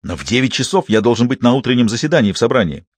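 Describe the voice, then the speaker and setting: A man voicing an arrogant, hot-tempered nobleman who talks in a rough, blustering way, read in a dry, close recording. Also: mid-range voice, sing-song, rapid-fire, no room sound. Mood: furious.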